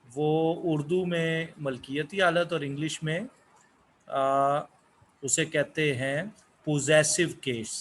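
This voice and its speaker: A man whose first language is Urdu, giving a slow English lesson, asking questions and answering them himself. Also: fairly high pitch, fairly bright tone, a little hiss or hum. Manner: asks questions then answers them, repeats words. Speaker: English teacher.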